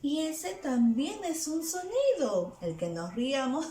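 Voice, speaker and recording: Woman teacher coaxing little kids with questions, unhurried delivery, echoey room. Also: high voice, sing-song, warm tone. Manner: asks the children questions; playful, acts out sounds. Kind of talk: lesson for small children. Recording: echoey room with faint music.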